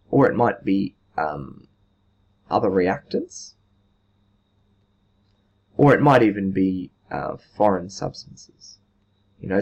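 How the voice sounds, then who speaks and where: A man's voice: sits low, a little mellow. A man in his thirties giving an informal, unscripted lesson, explaining step by step like a teacher. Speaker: chemistry teacher, video host. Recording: muffled sound with clear background noise.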